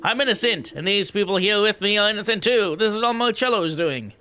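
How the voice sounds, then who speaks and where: Self-important imprisoned priest demanding release, voice pitched up high and bright, as a gamer reads him out. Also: male voice, a little fast, smooth. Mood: indignant. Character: indignant jailed male high priest.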